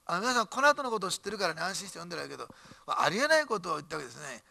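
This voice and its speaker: A man delivers an animated, emphatic church sermon at a quick clip. His voice is bright and gravelly with a husky edge, and the recording is dry and close. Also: high voice, dry recording. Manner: animated, emphatic preaching with jokes and asides. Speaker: pastor.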